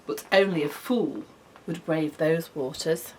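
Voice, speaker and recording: Grumpy male grasshopper voiced by a woman, high and loud, barking and indignant, storybook. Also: measured pace, husky. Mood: stern.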